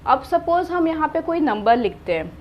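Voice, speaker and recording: A woman's voice: high voice, sing-song, moderate pace, muffled recording, a little hiss or hum. A woman teaching a math lesson, patiently counting out number places and asking questions before she answers them. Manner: patient, repeats and asks herself questions.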